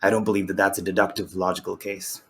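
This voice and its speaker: A man calling in to an online debate, talking in a deliberately lowered, unnaturally deep put-on voice that sounds husky. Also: flat delivery, fairly bright tone. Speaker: caller debating the host.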